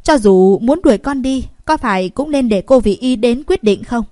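A woman voicing a pushy young female maid who pleads and shouts for help in a storybook reading. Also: a little high, expressive, normal speed, dry recording, clean studio sound, pitched above the performer's own voice, lightly acted. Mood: pleading.

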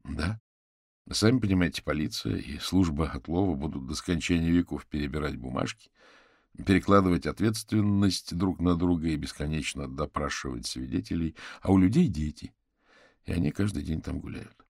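Guy doing a smooth-talking polite detective, low gravelly voice, dry close sound. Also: normal speed, a little mellow, dry recording, full character voice. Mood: persuasive. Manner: polite, persuasive. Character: calm, courteous male detective.

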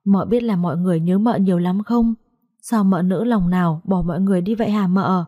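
A woman's voice: on the low side, a little fast, mellow, no room sound, studio quality, natural voice. A woman voicing a frightened young woman who asks trembling, broken questions. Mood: shaken, tearful.

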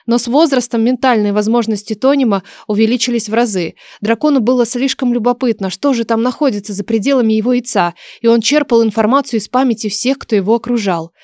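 A woman reading a fantasy audiobook as narrator, in an even storytelling manner. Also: fairly high pitch, fast, hardly any pauses, dry recording, clean studio sound. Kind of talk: scripted narration.

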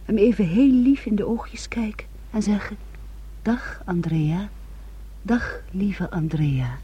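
Slow and slightly rough at medium pitch, an actress voices an intense, wounded young woman in a Dutch radio play. She sounds wistful, hushed and intimate, frequently sliding toward a whisper, and the old recording is muffled.

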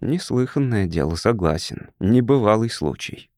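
A man's voice: lowish voice, animated, normal speed, darkish tone, no echo, clean studio sound, lightly acted. A man voicing a weary, defiant Martian who refuses to go to war, in a storybook reading.

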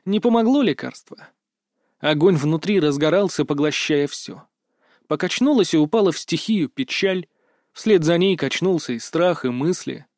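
A man narrating a fantasy audiobook in an even, measured storytelling voice, recorded close to the mic. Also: fairly high pitch, no echo.

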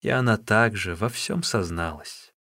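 A man's voice: lowish voice, a little slow, creaky, pushed and bright, no room sound, studio quality. Man narrating an audiobook.

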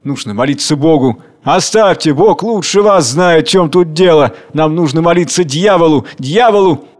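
A man's voice: fairly high pitch, animated, normal speed, natural voice. A man voicing an angry, frightened male guest who rants harshly. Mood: furious. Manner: harsh, ranting.

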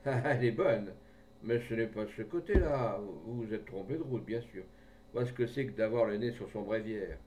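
A man voicing a gruff, half-peasant older man who talks in a loud, rustic, blustering way, recorded from a distance with a faint rumble behind. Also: normal speed, natural voice. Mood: bantering.

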